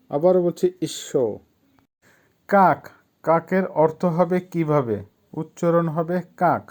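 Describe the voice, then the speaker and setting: A man teaching a vocabulary lesson, saying each word, giving its meaning, and repeating it slowly for pronunciation. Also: on the high side, warm tone. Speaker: language teacher.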